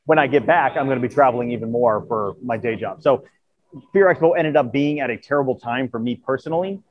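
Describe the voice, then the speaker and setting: A man's voice: mid-range voice, quick pace, dry recording. Podcast host, male, tired, voice fading, lo-fi muffled recording, earnest rambling. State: tired, voice wearing out. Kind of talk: casual chat. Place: at a convention.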